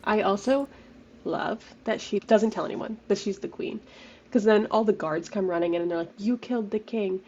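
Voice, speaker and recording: A woman's voice: mid-range voice, fairly even intonation, normal speed, a little mellow, muffled recording, slight background noise. A young woman co-hosting a podcast, eagerly retelling book scenes and quoting characters' lines. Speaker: podcast co-host. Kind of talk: casual book discussion.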